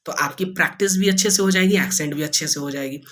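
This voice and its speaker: A man's voice: on the high side, fast, bright, forceful tone. A man teaching a spoken English lesson in casual Hindi, drawing out vowel sounds and repeating them with corrections. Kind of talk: online lesson, explaining in casual conversational Hindi.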